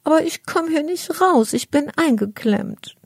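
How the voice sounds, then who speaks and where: A woman voicing a small, timid young ladybug girl in a children's storybook, speaking in a high, small, anxious voice. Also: expressive, measured pace, creaky, darkish tone, no echo, clean studio sound, heavily acted. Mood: timid, pleading.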